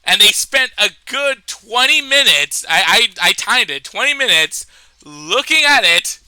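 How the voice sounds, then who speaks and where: A man with a stuffed-up nose telling a comedic personal story in a rambling, animated way, full of fillers and restarts. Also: high-pitched, measured pace, clean tone, dry recording, rough recording.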